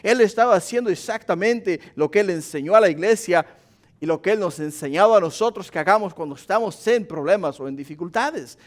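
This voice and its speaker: A male pastor delivers a passionate sermon. His voice sits high for a man and keeps climbing louder and higher on repeated pleas, then sinks back to a low, quiet tone. He speaks straight to the congregation as brothers and sisters. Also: lively intonation, brisk. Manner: impassioned preaching, rising in pitch and volume on repeated pleas.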